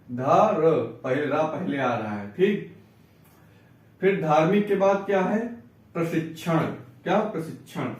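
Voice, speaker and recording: A man teaching Hindi spelling, explaining patiently and repeating each word slowly, asking and answering his own questions. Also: on the high side, far from the mic. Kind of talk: spelling and reading lesson. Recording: echoey room, voice away from mic.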